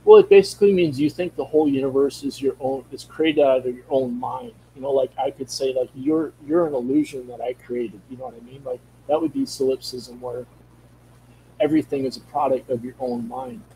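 A middle-aged man with a Minnesota accent chats casually as a guest over a video call from a room at home, using a studio mic. His mid-range, dark-toned voice is steady and brisk, though he rambles, gropes for words, and restarts often. The audio is poor, with slight background noise.

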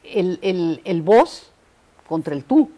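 An older Mexican woman, appearing as an interview guest, speaks in a lowish voice with a Mexican accent softened by Costa Rican usage. She takes her time reminiscing, telling animated stories and acting out little dialogues, often restarting. The setting is an indoor studio dressed up as a living room.

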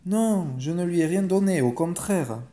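A man voicing a timid, tender-hearted little girl with a soft, pleading voice, in a bedtime story reading. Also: sits high, expressive, moderate pace, pitched above the performer's own voice.

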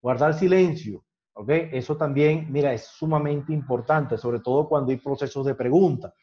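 A man's voice: medium pitch, moderate pace, warm tone. A man lecturing a sales training class, constantly checking in with his students by asking "ok?" in a conversational teaching manner. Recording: dull lo-fi sound.

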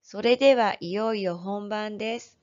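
A woman teacher giving an online lesson to first graders, speaking gently and clearly to young children. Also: mid-range voice, moderate pace, lo-fi sound. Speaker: elementary school teacher.

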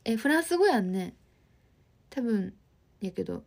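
A woman's voice: fairly high pitch, sing-song, a little slow, creaky, a little mellow. A woman in her twenties with an Osaka accent, hosting a livestream and chatting friendly with viewers while reading their comments. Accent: Osaka dialect. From Osaka, Japan. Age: 20s. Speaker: livestream host.

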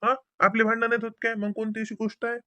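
A man's voice: high voice, completely flat delivery, fast, pushed and bright, dry recording. A man speaking, playing a husband in a domestic comedy skit who brushes off his wife's worries in a soothing, dismissive way. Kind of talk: scripted domestic comedy dialogue.

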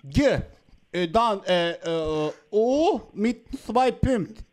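A flustered immigrant traveller with a thick Turkish accent, put on by a man for a prank call. The voice sits high and stumbles through broken grammar, repeating words insistently as he tries to explain that he is lost. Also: expressive, very slow, darkish tone, full character voice. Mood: confused, insistent. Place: small studio room, indoors. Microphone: close studio microphone.

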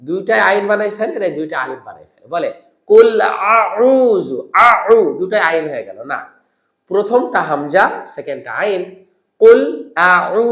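A man with a Bangladeshi Bengali accent leads a lesson on Arabic letter pronunciation, patiently repeating each sound slowly so learners can follow. His voice sits a little high for a man, and the recording carries a noticeable room echo. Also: fairly bright tone. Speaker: Quran recitation teacher.

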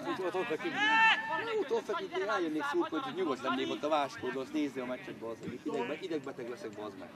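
A man watching a football match from the sideline outdoors, swearing and shouting instructions and player names at the team. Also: mid-range voice, sing-song. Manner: loud, swearing, frequently yells player names. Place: outdoor amateur football ground. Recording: loud crowd around the mic at an outdoor match.

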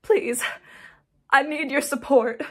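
Woman acting as headstrong young daughter, fairly high voice, emotional, insistent, dramatic monologue to her mother. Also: steady tone, takes it slowly. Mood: pleading. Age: young adult. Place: small indoor room, plain wall.

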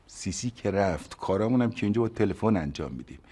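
A man's voice: on the low side, lively intonation, mellow, slightly rough. An actor playing a sly, scheming husband who turns syrupy on the phone to his wife in a TV comedy. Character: scheming husband waiting on a rich uncle's death. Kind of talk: TV comedy acting.

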